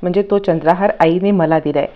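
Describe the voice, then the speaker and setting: A woman's voice: on the low side, fairly quick, dull audio, lightly acted. A woman voicing a touchy, possessive middle-aged aunt complaining indignantly, in a TV serial recap.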